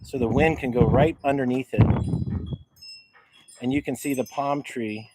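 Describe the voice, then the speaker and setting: A man walking around outdoors on his property, casually showing things off to a handheld camera in a halting, rambling way that keeps repeating words. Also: medium pitch, steady tone. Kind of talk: casual rambling show-and-tell. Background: faint wind noise.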